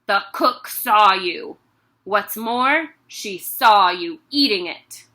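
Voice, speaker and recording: A woman's voice: a little high, moderate pace, rough recording. A woman playing a bellowing tyrant headmistress. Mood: raging. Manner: barking, shouting insults. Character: bullying furious woman headmistress, huge and tyrannical.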